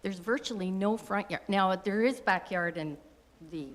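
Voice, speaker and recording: A woman's voice: medium pitch, normal speed. A woman from Wasaga Beach in Ontario, Canada, making a chatty public comment at a council meeting, with restarts and asides. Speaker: resident speaking at public meeting. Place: council chamber. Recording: council chamber with long reverb.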